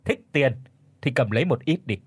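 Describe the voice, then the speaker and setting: A man voicing a haughty, scornful rich older mother-in-law in a spoken story, with a husky voice. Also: mid-range voice, animated, moderate pace, no room sound. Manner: scornful, cutting.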